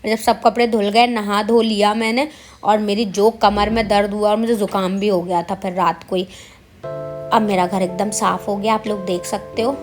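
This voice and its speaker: A woman's voice: medium pitch, fairly even intonation, moderate pace, soft background music. A woman vlogger narrating her day in a chatty, self-mocking voice-over, speaking straight to her viewers. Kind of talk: casual vlog voice-over.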